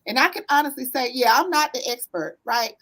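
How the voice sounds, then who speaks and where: A woman's voice: sits high, expressive, a little fast, low-quality recording. Earnest Southern woman therapist talking. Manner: earnest, warm storytelling with frequent "um" and "right?". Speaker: therapist, business owner guest. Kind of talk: conversational interview answers.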